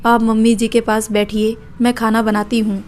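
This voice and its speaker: Woman reading as a gentle, polite young wife. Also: a little high, little pitch movement, moderate pace, close to an everyday voice. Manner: polite, pleading.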